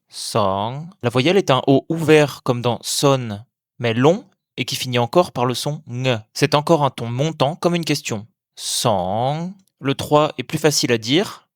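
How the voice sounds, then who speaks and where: A man teaching language, giving scripted, methodical explanations and slowly sounding out example words. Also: a little high, dry recording, clean studio sound. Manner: clear, methodical explanations with slow demonstrated pronunciations. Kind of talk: scripted educational narration.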